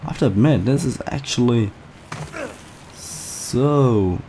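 A man casually commentating a video game playthrough, chatty and excitable, swearing often. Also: mid-range voice, takes it slowly, slight background noise. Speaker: gameplay commentator. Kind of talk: casual let's-play commentary.

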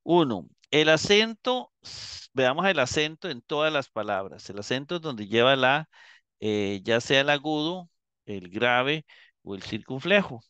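A man teaching a live Greek class, explaining slowly and checking in with his students as he goes. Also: mid-range voice, animated, pushed and bright, clear, resonant tone, no echo, lo-fi sound. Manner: slow, explanatory, repeats and checks with "¿verdad?".

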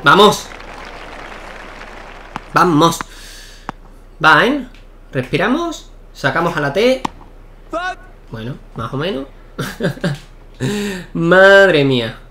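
A young man giving excitable live commentary while playing a tennis video game, shouting at key points. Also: on the high side, drawn-out words, long pauses, slight background noise. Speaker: gaming YouTuber.

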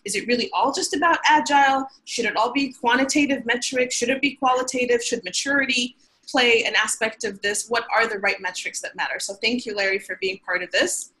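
Bright-voiced woman hosting a webinar. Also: on the high side, a little fast, poor audio. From Sudan. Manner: upbeat, many filler ums. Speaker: webinar host. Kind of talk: webinar presentation. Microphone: webcam on video call.

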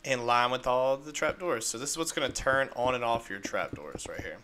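A man's voice: mid-range voice, expressive, moderate pace, pushed and bright. A man casually narrating a game-building tutorial step by step, upbeat and playful with little sound effects. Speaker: Minecraft video creator.

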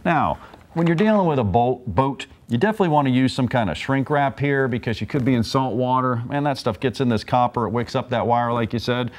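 A man's voice: medium pitch, a little fast, a little hiss or hum. A man in his forties, a technician and instructor, giving a folksy, plain-spoken repair demonstration in a large workshop on a lapel mic. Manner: folksy, plain-spoken, explains while working.

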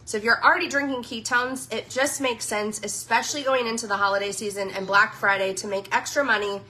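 Woman, bright tense voice, somewhat high, casual live-stream chat, gushing and chatty. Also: fairly even intonation, a little fast. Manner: gushing, chatty, says "y'all". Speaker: social media influencer.

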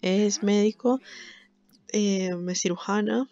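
A woman's voice: medium pitch, steady tone, slow pace, dark tone, no echo, lo-fi sound, faint music behind. A woman giving chatty, sympathetic game commentary, laughing often. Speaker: gameplay commentator. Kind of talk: casual let's-play commentary.

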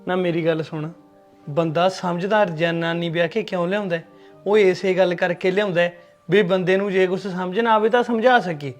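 A man's voice: sits high, fairly even intonation, normal speed, soft background music, natural voice. Man playing an exasperated husband. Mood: teasing. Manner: teasing, exasperated. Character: exasperated joking young husband. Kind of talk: short film drama.

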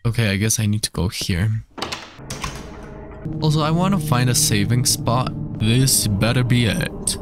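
A man's voice: mid-range voice, a little slow. A man whose native language is Spanish gives nervous, casual let's play commentary on a horror game, thinking aloud and swearing often. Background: game music.

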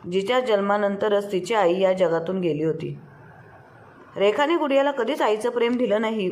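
Woman reading a story out, steady and expressive, normal pitch. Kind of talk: scripted story narration.

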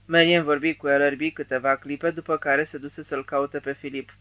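A man narrating an audiobook in a measured storytelling manner. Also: fairly high pitch, little pitch movement, no room sound, muffled recording. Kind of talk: scripted narration.

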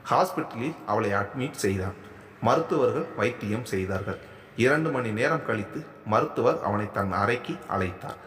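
A man's voice: fairly low pitch, animated, moderate pace, fairly bright tone, slight background noise. A man narrating a serialized family story, reading all the characters' lines in his own voice. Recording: echoey, reverberant room.

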